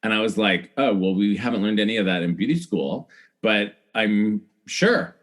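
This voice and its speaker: Guesting on a podcast, a middle-aged Iowan who styles celebrities' hair tells animated stories and acts out remembered conversations. His voice sits on the low side, a bit bright, with lively intonation at a moderate pace.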